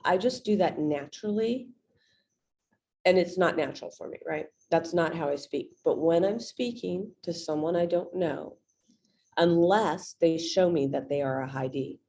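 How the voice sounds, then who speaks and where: A woman real estate agent coaching on a video call, a fast talker who speaks bluntly and directly. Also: on the low side, warm tone.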